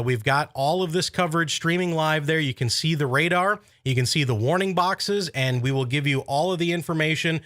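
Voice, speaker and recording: A man working as a weather forecaster, giving live tornado warning commentary in an urgent but measured, explanatory way. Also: medium pitch, a bit bright, dry recording, clean studio sound.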